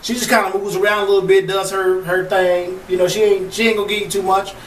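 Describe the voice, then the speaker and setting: A man's voice: high voice, little pitch movement, fast. A man co-hosting a casual chat, teasing and questioning his partner. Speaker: co-host. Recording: echoey room, far from mic, faint noise.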